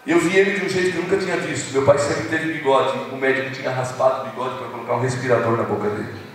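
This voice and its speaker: A Brazilian man preaching a sermon as a pastor, telling a story and dropping from loud to hushed. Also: medium pitch, steady tone, quick pace, a little hiss or hum. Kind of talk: evangelistic sermon. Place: large church hall. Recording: echoey hall recording from a distance.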